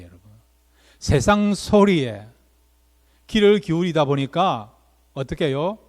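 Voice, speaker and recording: A male pastor preaching a Sunday sermon and addressing the congregation with one rhetorical question after another. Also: on the high side. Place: church sanctuary. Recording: long reverb of a church hall.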